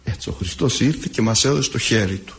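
A man preaching a sermon as an Orthodox preacher, telling stories in an expressive, drawn-out way. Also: lowish voice, gravelly. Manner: expressive, drawn-out storytelling delivery.

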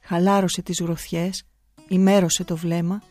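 A woman narrating a story in audiobook style, solemn and measured. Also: on the low side, level tone, dark tone, no echo, soft background music.

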